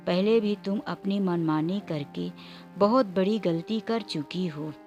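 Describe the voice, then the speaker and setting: A woman's voice: lowish voice, a little slow, mellow, muffled recording, faint music behind. Woman reading as a pleading young husband.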